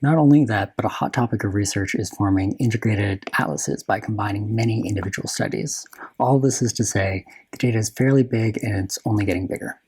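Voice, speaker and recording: A man with a slightly husky voice giving a technical lightning talk as a software developer, often restarting and correcting his phrases. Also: on the low side.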